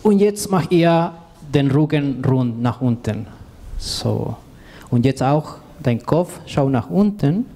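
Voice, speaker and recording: A Chilean man in his thirties, a native Spanish speaker with a Chilean accent, co-presents and coaches exercise on stage with a handheld microphone. His mid-range voice is mellow and slow with lively intonation, and he guides a seated audience in an indoor event room using simple, direct non-native phrasing in an informal talk.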